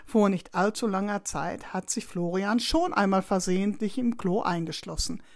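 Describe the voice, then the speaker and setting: Female narrator for a kids' story, lively and expressive. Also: medium pitch, normal speed. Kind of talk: children's story reading.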